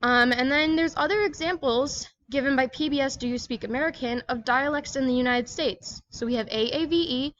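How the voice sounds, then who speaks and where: A woman's voice: high-pitched, a bit bright, dry recording, dull audio. A woman giving a scripted educational presentation, reading aloud in a plain, explanatory manner.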